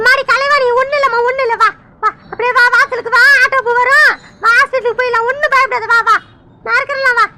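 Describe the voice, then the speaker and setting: A bossy old cartoon grandmother, as a woman puts her on, with a shrill, very high voice that sounds sharp and bright. She fusses and gives loud orders in a hurry. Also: fairly even intonation, quick pace, a little hiss or hum, heavily acted. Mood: urgent, fussing. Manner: shrill, urgent commands. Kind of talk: cartoon voice acting.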